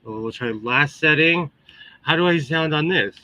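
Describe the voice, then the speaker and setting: A man's voice: on the high side, moderate pace, bright, forceful tone, no echo. A man chatting casually as a livestream host, exclamatory and chatty, with a tinny, metallic microphone sound. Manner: chatty, exclamatory, greets viewers. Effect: tinny, metallic tin-can microphone sound. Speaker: livestream host, sewing hobbyist.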